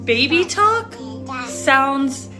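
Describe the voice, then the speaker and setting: A woman's voice: high voice, animated, very slow, music in the background. A young woman and mother chatting casually in a vlog, amused, listing things about her toddler. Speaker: mother vlogger.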